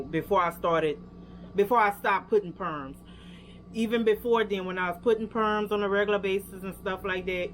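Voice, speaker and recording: This hair care vlogger is a young Louisiana woman who chats straight to her audience about hair products, dropping lots of fillers along the way. She has a mid-range voice, and a faint hiss or hum runs under the recording.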